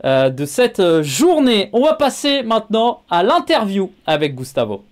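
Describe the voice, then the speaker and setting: A man's voice: high voice, big pitch swings, normal speed. A man hosting a sports show, chatting casually with many filler sounds and asking his guest questions. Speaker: show host.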